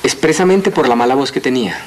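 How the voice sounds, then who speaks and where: A Colombian voice coach explains his craft during a TV interview, earnest and lecturing as he lists things out. He has a medium-pitched voice with lively intonation and talks fast, with slight background noise.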